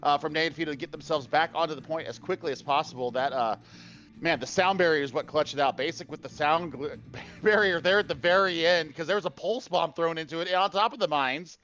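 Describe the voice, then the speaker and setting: A man's voice: a little high, a little fast, a bit bright, muffled recording, faint music behind. A man casting an esports match, enthusiastic and openly emotional, talking casually about the teams. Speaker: esports caster. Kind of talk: esports post-match commentary.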